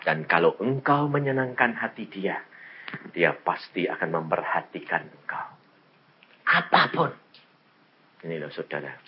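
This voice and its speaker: Elderly preacher with wildly lively pitch. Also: male voice, a little slow, pauses often, muffled recording. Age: 70s. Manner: swings from low murmurs to high excited cries, acts out people in the stories. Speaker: pastor. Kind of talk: sermon.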